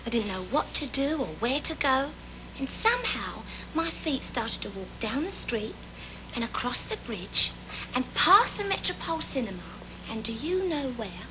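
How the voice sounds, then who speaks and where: A woman's voice: sits high, sing-song, normal speed, background noise. Woman playing a giddy young shop girl in love. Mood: excited. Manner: breathless storytelling, breaks into song. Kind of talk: stage musical singing and speaking. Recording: live stage recording, loud orchestra.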